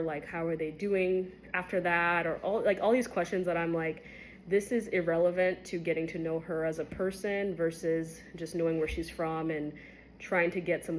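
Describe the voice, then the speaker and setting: The audio is poor, with slight background noise, as a woman in her twenties shares a personal story on camera. She was born in Kenya and works as a medical resident, and she talks frankly and casually, full of filler words, her voice rising at the startling moments.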